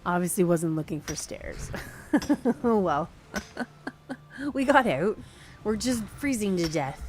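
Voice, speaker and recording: A woman's voice: lowish voice, lively intonation, takes it slowly, a little hiss or hum. A woman streamer casually chatting through a game, laughing and thinking aloud to her viewers. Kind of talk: casual gameplay commentary to chat.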